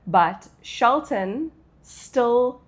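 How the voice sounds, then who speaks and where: A woman's voice: on the high side, lively intonation, very slow. A woman with a South African English accent, chatting casually as she answers questions as a content creator. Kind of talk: casual Q&A chat.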